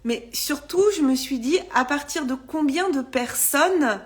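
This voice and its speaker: A woman's voice: high-pitched, a little slow. A middle-aged woman hosting a casual live stream as an online business coach, chatting directly to viewers with fillers and small laughs. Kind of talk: casual Instagram live chat.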